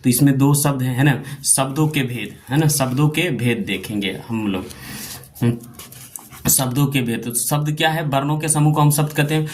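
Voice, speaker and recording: A man teaching a grammar lesson at a steady, middling pitch. He explains step by step, asks questions and answers them himself, and keeps adding tag questions as he goes. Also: normal speed. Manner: repeats phrases, adds frequent tag questions.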